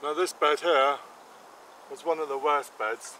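A middle-aged man hosting a gardening vlog, talking in a plain, chatty way about his beds. His voice sits a little high for a man. It was recorded outdoors on an allotment, with a faint hum of insects and country air behind him. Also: steady tone, unhurried, sharp tone, rough recording. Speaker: allotment gardening channel host. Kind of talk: casual walk-around vlog.

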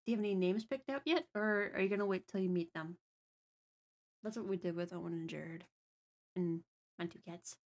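A woman's voice: lowish voice, brisk, long pauses, a little mellow, dull audio. A woman co-hosting a live stream, chatting casually and reading viewer messages aloud. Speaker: streamer co-host.

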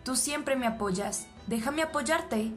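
A woman reading the lines of a gentle, caring young woman in a soft, pleading tone. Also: high-pitched, slow, faint music behind.

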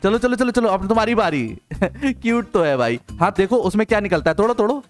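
Young male gaming host, high bright voice, playful and coaxing, soft music under the talk. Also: animated. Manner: playful, coaxing, quick repeated interjections. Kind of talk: excited gameplay commentary.

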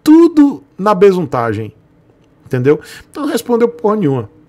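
A Brazilian Portuguese-accented motorcycle vlogger rants sarcastically on a live stream, joking with his chat and chuckling frequently. His voice is high and warm, with wildly swooping pitch and a fairly quick pace.

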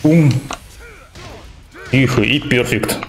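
A man's voice: mid-range voice, slow pace. A young man giving casual gameplay commentary in short, slangy, muttered reactions. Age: young adult. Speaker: gamer commentating own play. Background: faint game music.

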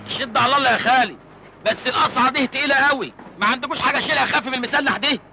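Cheeky hungry young country nephew. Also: male voice, very high voice, racing, gravelly, bright, forceful tone, a little hiss or hum, heavily acted. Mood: joking. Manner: joking, cheeky. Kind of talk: Egyptian comedy film acting.

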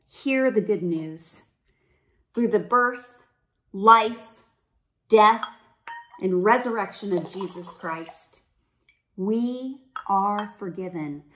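A woman pastor leading the liturgy in a church, speaking in a measured, solemn way. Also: medium pitch, fairly bright tone. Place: church sanctuary.

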